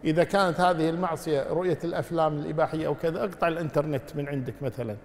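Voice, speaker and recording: Fast-talking male scholar in a reverberant hall. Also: on the high side, fairly even intonation. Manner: measured, full of pious formulas. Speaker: Islamic scholar answering questions. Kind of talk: religious Q&A lesson.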